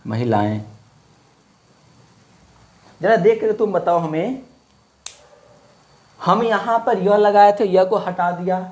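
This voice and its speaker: A man teaching a Hindi grammar lesson in a casual, friendly manner, asking questions and repeating words for drill. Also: on the high side. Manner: casual, friendly classroom talk. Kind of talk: online class lesson.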